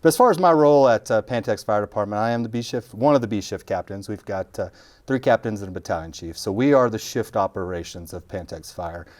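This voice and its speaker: A man's voice: lowish voice, expressive, quick pace, darkish tone. A middle-aged man, a fire captain joking through a casual interview. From Texas Panhandle. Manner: joking, self-deprecating, talks while chewing.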